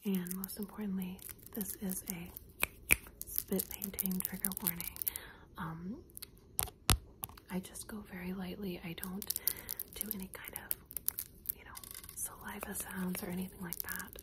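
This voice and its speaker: A woman whispering gently and reassuringly through an ASMR video, speaking directly to the listener as if fixing their hair. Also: mid-range voice, flat delivery, unhurried, long pauses, very noisy. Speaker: ASMR creator. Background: passing car.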